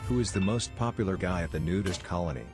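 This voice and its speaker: A man with a deep voice tells short jokes as a comedian. His delivery is measured and deadpan, moving from setup to punchline. Music plays behind him.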